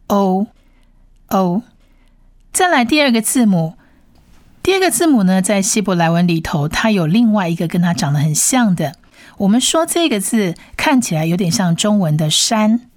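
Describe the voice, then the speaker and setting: A woman giving a language lesson, her pitch rising and falling a lot as she explains. She patiently repeats each sound slowly several times. The recording is dry and close. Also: no room sound. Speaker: teacher.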